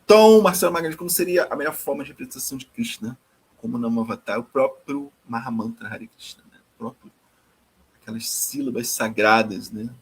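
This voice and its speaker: Husky man teaching scripture. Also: medium pitch, brisk, rough recording. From Brazil. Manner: tags nearly every phrase with a questioning "né?"; repeats and restarts words while searching for phrasing. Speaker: devotional teacher. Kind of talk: scripture reading and commentary.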